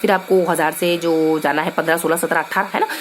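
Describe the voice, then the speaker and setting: A woman's voice: low-pitched, steady tone, fast, slight background noise. Chatty young woman teaching with memory tricks. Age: young adult. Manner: chatty and playful, thinking aloud with many fillers. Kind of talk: casual Hindi lesson with memory tricks.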